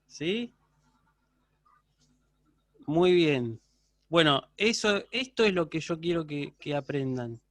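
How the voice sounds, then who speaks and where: Patient professor, dry close sound. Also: male voice, fairly high pitch, lively intonation, takes it slowly, pauses often, no room sound. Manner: patient, checks in with frequent "¿sí?". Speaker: university Greek professor. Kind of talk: online lecture. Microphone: video call.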